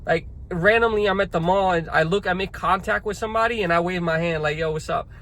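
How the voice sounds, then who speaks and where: A young male vlogger with a high-pitched, fairly bright voice talks quickly to camera from his car on the way to lunch. He rambles and reflects, often restarting sentences, with faint car noise in the background.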